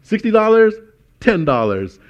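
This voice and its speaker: A man's voice: sits high, very animated, unhurried, muffled recording, voice pushed up. A man putting on the voice of his thrifty mother, who scolds her son in disbelief over pricey clothes. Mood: persuading. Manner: incredulous, bargain-minded scolding.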